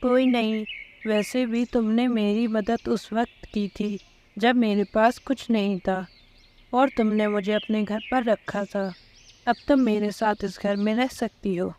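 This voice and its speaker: A woman's voice: mid-range voice, steady tone, darkish tone, a little hiss or hum, lightly acted. A woman voicing a female bird who pleads with her friend and later forgives her. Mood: kind.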